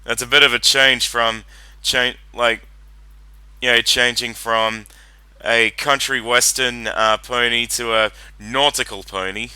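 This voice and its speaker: A man's voice: medium pitch, fairly even intonation, measured pace, pushed and bright, clean tone, no echo. A man giving casual, rambling reaction commentary, often repeating himself, with faint music behind.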